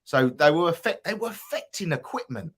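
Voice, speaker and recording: A man's voice: a little high, lively intonation, a little fast, fairly bright tone. Chatty Essex man hosting. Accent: Essex English. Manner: chatty, rambling with restarts. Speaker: host. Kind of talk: live podcast chat.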